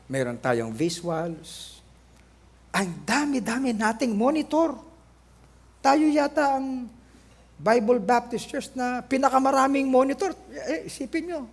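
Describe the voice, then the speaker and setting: A male pastor with a Filipino accent preaching a sermon, animated and joking, mixing in English phrases, his voice lower than usual. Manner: animated, joking, switching between Tagalog and English. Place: church.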